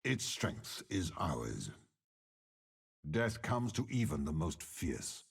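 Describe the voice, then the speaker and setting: A male actor delivers video game voice lines as a cold, cunning, menacing older warlord general, sounding grimly commanding in a deep, gravelly rasp. His delivery is slow, grandiose, measured and imperious, yet also sing-song and exaggerated.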